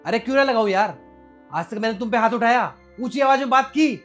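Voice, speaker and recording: In a scripted web short drama, a man plays a proud husband, humiliated and sulking because his wife slapped him in public, and he reproachfully vows to leave home. His voice is very high, brisk and a bit bright, over soft background music.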